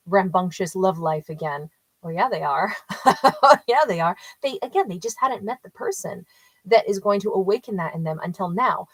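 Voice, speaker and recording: A chatty woman tells tarot stories on a casual livestream, doing readings, talking with viewers, and laughing often. She rambles, restarting frequently and using lots of fillers. Her mid-range voice has a fairly bright tone; there's no echo, but the audio is poor.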